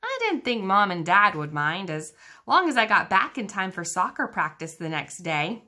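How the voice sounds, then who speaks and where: A woman's voice: mid-range voice, big pitch swings, normal speed, sharp tone. A woman teacher reading a children's book aloud, engaging her young listeners with questions about the pictures.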